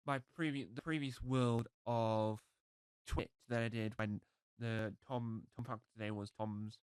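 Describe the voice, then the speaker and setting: A man's voice: medium pitch, fairly even intonation, unhurried, clean tone, dry recording, studio quality. A man chatting casually on a live stream, rambling and joking, breaking off his own sentences. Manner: chatty, self-interrupting, jokey.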